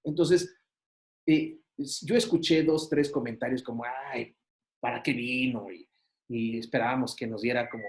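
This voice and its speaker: A university teacher with a Mexican Spanish accent lectures his class conversationally, with lots of fillers and rhetorical questions. His mid-range voice is slightly mellow and moves at a normal pace.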